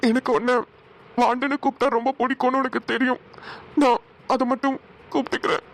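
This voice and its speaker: A performer voicing a calm young groom. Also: high-pitched, quick pace. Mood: gentle. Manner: soft, reassuring speech. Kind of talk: cartoon voice acting.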